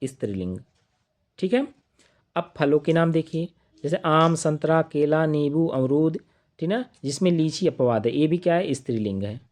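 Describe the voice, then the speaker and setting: A man teaching an online grammar lesson, listing examples one by one and asking questions that he answers himself in a lower voice. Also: normal speed, darkish tone. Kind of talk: live online grammar class.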